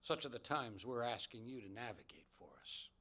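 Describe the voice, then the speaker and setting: Guy giving a graduation speech, bright tense voice, mid pitch, takes his time with pauses. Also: expressive. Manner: measured, deliberate delivery with dramatic pauses. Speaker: commencement speaker. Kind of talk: prepared speech telling a personal story.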